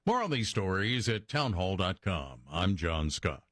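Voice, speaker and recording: A man's voice: deep voice, sing-song, measured pace, fairly bright tone, no room sound, studio quality. An American man anchoring a scripted radio newscast. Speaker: news anchor.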